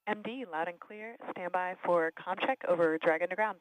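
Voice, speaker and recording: A woman's voice: on the low side, moderate pace, dry recording. A woman making formal procedural com-check call-outs over astronaut radio, with a phone-like transmission sound. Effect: radio, telephone-like. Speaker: mission director doing com checks.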